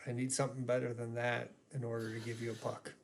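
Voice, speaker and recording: A man's voice: medium pitch, little pitch movement, quick pace, gravelly, voice pushed down, lightly acted. A man voicing his tabletop character, a blunt adventurer questioning a captive in a threatening way.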